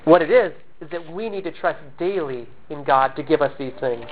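A man preaching a sermon as pastor, earnest and measured, asking questions and answering them himself. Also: on the high side, animated, a little hiss or hum. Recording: tinny phone-like audio.

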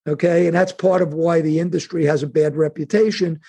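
A middle-aged man with a New York accent, a guest answering interview questions in a halting, chatty way with many restarts. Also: on the high side, fairly even intonation, vocal fry, warm tone, husky. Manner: halting restarts, conversational, acts out imagined speakers. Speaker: insurance and wealth planning executive, guest.

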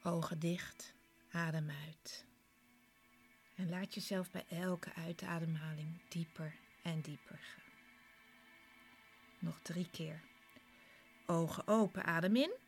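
A woman guiding a relaxation exercise in a soft, soothing, partly whispered voice, with slow short instructions and pauses. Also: on the low side, fairly even intonation. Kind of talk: soft, soothing guided relaxation with breathy, part-whispered delivery. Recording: clear background music. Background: relaxation music.

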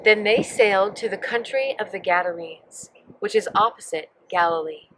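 A woman's voice: mid-range voice, moderate pace, background noise. Woman leading a vivid guided Bible meditation. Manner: vivid, emphatic, talks directly to listeners. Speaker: Bible teacher.

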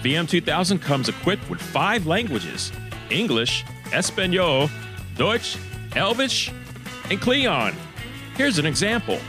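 Brief: man playing a pushy TV-ad pitchman, raised pitch, loud and punchy. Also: very animated, unhurried, music in the background. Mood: hyped. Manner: hyped, salesy, punchy. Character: overexcited male infomercial announcer. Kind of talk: mock commercial.

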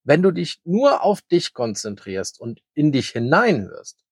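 A very old grey hare, calm, kind and wise, speaks gently in a children's story, as a man reads him. The voice is husky and dry, with a lively, rising and falling melody. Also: fairly high pitch, measured pace, no room sound, pitched above the performer's own voice, heavily acted. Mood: gentle.

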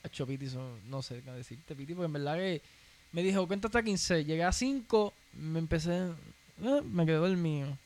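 Animated Puerto Rican man telling stories. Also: on the high side, moderate pace. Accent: Puerto Rican Spanish. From Puerto Rico. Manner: animated storytelling, slangy, keeps saying "papi". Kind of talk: casual podcast chat.

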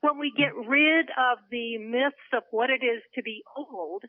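Woman in her seventies, earnest, slightly high voice, narrow phone sound. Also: measured pace, no echo. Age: 70s. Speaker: interview guest. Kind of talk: radio interview by phone. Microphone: telephone.

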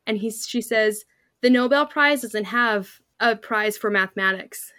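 A woman's voice: on the high side, measured pace, clear, resonant tone, no room sound, clean studio sound. A young woman co-hosting a podcast, recapping a TV episode in casual chat and acting out characters' lines with laughter. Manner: animated storytelling, acting out quotes with laughter. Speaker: podcast co-host.

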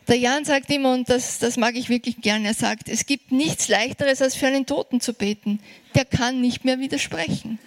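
A woman preaching a sermon, earnest and encouraging, slowing down for emphasis. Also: high voice.

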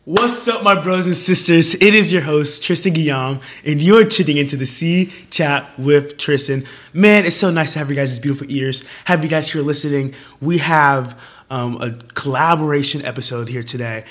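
A young man hosts a laid-back youth podcast, upbeat and chatty, with lots of fillers. His voice is a little high and fairly bright, at normal speed, and sounds strained, as though he's losing it.

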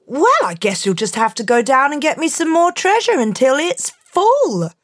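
A woman voicing Peter, a clever, crafty young man, in a calm, matter-of-fact way. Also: high-pitched, normal speed, no room sound, studio quality, pitched above the performer's own voice.

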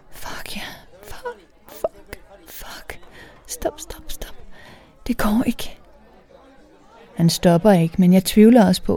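A woman narrating a first-person erotic story in a soft, intimate voice that often slips into a whisper. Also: lowish voice, slightly rough.

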